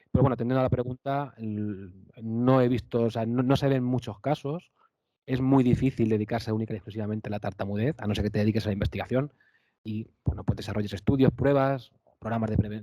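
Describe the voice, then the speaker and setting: A man's voice: lowish voice, warm tone, dry recording. A man with a Spanish accent, a speech therapist answering questions on a panel, explaining with frequent fillers and tag questions.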